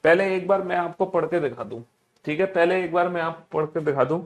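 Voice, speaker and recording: A man's voice: a little high, a little fast. A man teaching a class, repeating each instruction and coaxing students with affectionate teasing as he drills them. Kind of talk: classroom lesson.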